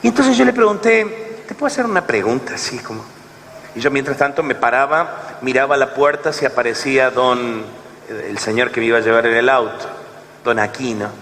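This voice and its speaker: A man with an Argentine accent preaching, telling a story in an animated way and acting out both sides of a dialogue. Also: medium pitch, brisk, a little hiss or hum. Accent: Argentine Spanish. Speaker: lay preacher. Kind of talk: storytelling sermon. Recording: long hall reverb, faint ambience.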